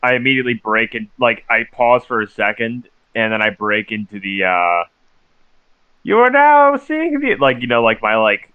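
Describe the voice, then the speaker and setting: A man's voice: lowish voice, fairly even intonation, brisk, few pauses, clean tone, dry recording. A man chatting casually as a player in a tabletop game. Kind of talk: casual chat. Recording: thin phone-like voice chat audio.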